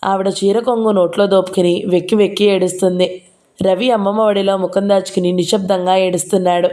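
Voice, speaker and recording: Mellow woman reading a novel aloud. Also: medium pitch, fairly even intonation, a little fast. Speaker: storyteller.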